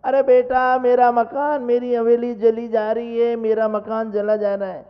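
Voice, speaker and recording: A man acting out a wealthy old merchant who wails loudly over his house, in a sermon story. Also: high-pitched, fairly even intonation, measured pace, smooth. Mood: wailing. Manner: loud lamenting wails. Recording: echoey hall, dull lo-fi sound.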